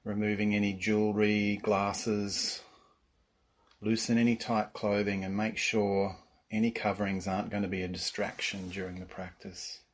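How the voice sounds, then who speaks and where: A man with a lowish voice serves as a yoga nidra teacher, leading a guided relaxation. He sounds calm and soothing, with lengthy pauses between his instructions.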